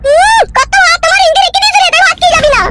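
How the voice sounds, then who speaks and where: A woman voicing a bitter, quarrelsome village aunt in a comedy cartoon, screeching and scolding without pause. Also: extremely high pitch, over loud music, pitched above the performer's own voice. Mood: spiteful. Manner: screeching, scolding rapid-fire.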